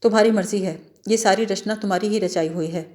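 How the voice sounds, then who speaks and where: A woman's voice: mid-range voice, a little mellow, lightly acted. A woman voicing a talkative, witty young man from a village, joking and mock-dramatic in a story read aloud. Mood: annoyed.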